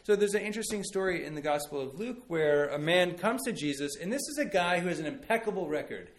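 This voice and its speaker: A man's voice: high-pitched, lively intonation, quick pace. A man in his thirties, a pastor giving a conversational sermon and telling stories with many fillers and restarts.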